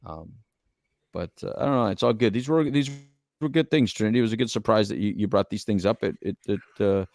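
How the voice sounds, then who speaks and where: A middle-aged American man co-hosting a podcast talks fast in a low-ish, creaky, slightly mellow voice with no room sound. He's earnest and rambling as he reflects casually on relationships, repeating phrases for emphasis.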